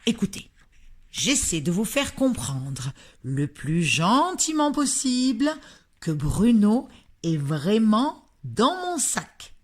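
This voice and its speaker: A woman playing a calm, firm old grandmother. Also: medium pitch, voice pushed up. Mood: insistent. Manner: patient, deliberate.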